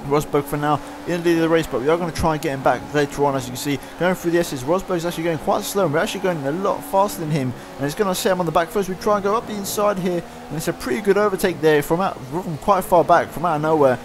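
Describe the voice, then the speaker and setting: Fast-talking man calling a racing game. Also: on the high side. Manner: fast excited play-by-play, winding down later. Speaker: gaming YouTuber. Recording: loud racing game engine noise behind.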